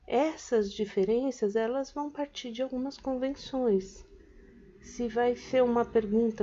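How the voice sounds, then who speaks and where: A woman teacher with a Brazilian Portuguese accent walks middle schoolers through a lesson, stretching key words and checking in with them. Her voice sits a little high and sounds mellow. The recording is dull and lo-fi. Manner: patient explaining, checks in with "né?", stretches words for emphasis.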